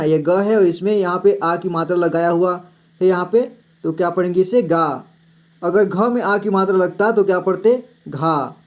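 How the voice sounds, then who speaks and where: A man's voice: high-pitched, darkish tone. A male teacher giving a patient, explanatory lesson who repeats each syllable several times and checks in with the listener often. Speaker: Hindi teacher.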